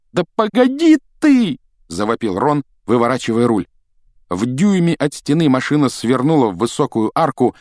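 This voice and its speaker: A man reading an audiobook aloud with expressive, dramatic storytelling on a close mic. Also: mid-range voice, no room sound. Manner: dramatic storytelling, voices characters. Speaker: audiobook narrator.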